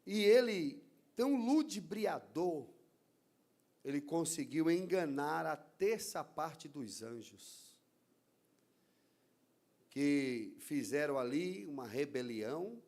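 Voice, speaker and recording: Slow, high-voiced Brazilian pastor preaching. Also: male voice, animated, darkish tone. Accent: Brazilian Portuguese. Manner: deliberate, emphatic preaching with stressed words. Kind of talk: sermon. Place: church.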